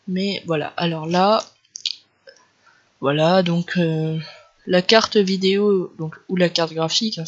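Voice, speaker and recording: A high-pitched man with a Northern French ch'ti accent casually talks viewers through a computer tutorial, loosely and step by step. As a tech tutorial creator, he gives informal screen-recorded narration in a dull lo-fi home recording.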